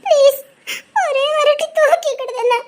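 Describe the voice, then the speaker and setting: Woman as pleading village wife, Tirunelveli Tamil accent, very high-pitched. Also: fairly even intonation, normal speed. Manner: emotional, pleading. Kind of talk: melodramatic village drama acting.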